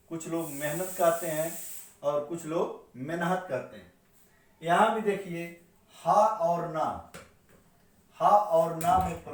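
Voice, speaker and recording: Slow teacher in a very echoey room. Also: male voice, on the high side. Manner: slow and repetitive, spelling out sounds. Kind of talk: explanatory lecture. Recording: very echoey room, mic far off.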